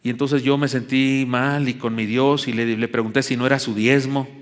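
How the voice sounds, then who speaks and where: Pastor, folksy sermon. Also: male voice, medium pitch, steady tone, moderate pace. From Chihuahua, Mexico. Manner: folksy storytelling with self-mocking humor. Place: church sanctuary. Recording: long hall reverb in church.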